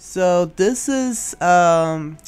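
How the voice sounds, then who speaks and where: A man roleplays a friendly, awkward young demon slayer in an improvised Minecraft anime game, music playing behind him. His high, clear, resonant voice is animated and heavily acted yet very slow, and he talks in a hesitant, rambling, casual way.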